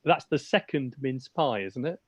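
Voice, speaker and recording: A man's voice: mid-range voice, expressive, unhurried, a little hiss or hum. A man hosting a casual hobby podcast over a remote call, with dry, teasing humour. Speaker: podcast host. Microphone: remote call mic.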